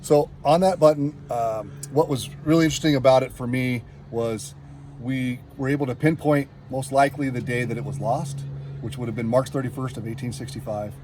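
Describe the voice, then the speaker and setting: A Californian man, a metal detecting hobbyist, rambles through a casual story about his hobby and acts out the exchanges people had. His medium-pitched voice is dark and fairly even, moving at a fairly quick clip over a little hiss or hum.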